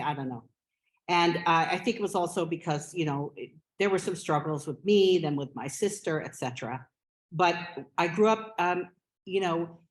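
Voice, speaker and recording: Speaking as family at a memorial gathering, a woman with a lowish voice talks into a mic, stopping and restarting often and leaning on fillers. The recording sounds rough.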